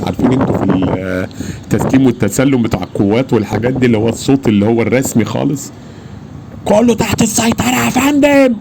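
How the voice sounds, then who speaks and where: A man with an Egyptian Arabic accent, telling an eyewitness story in an animated, emphatic way. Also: mid-range voice, background noise. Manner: animated, emphatic, acts out his own shouts. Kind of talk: casual personal storytelling.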